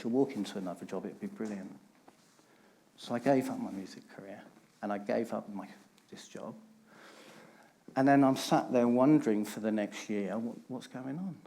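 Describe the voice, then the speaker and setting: Telling his personal story frankly to a conference audience, this middle-aged man leans on repeated phrases for emphasis. His voice is mid-range, a bit mellow, and marked by vocal fry.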